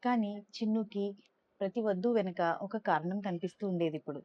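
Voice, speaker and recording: A woman narrating a family storybook tale in a gentle voice. She speaks directly to her listeners at a middle pitch. The recording sounds muffled and lo-fi. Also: a little fast. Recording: dull lo-fi recording.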